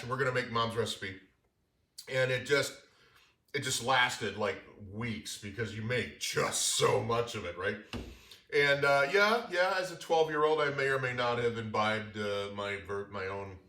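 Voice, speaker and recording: A man's voice: medium pitch, measured pace, bright, forceful tone, echoey room. A man from St. Louis hosting a casual bar show, upbeat and joking with his guest. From St. Louis, Missouri. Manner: upbeat, jokey, talks with mouth full. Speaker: host. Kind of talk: casual chat.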